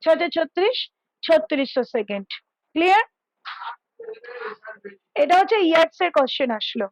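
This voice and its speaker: Woman math tutor, high voice, dry close sound, patient step-by-step explainer on a headset call from home. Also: big pitch swings, normal speed, no echo, rough recording. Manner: explains step by step, checks in often. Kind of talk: casual tutoring over a call. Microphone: headphones.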